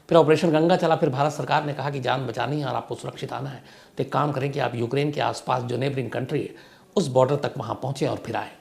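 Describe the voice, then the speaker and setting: A man's voice: mid-range voice, gravelly, a little mellow. A man narrating a history story in a conversational way, emphatic and asking rhetorical questions as he goes.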